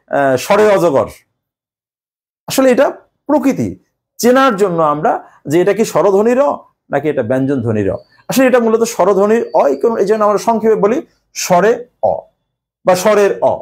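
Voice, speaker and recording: A male teacher explaining a grammar lesson step by step, pausing often with hesitations. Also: high-pitched.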